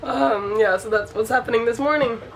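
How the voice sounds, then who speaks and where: A woman talking casually to camera for her sailing vlog, still sick, with a croaky morning voice and a hesitant, umming way of speaking. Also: fairly high pitch, normal speed, background noise. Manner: hesitant, lots of ums. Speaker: sailing vlogger.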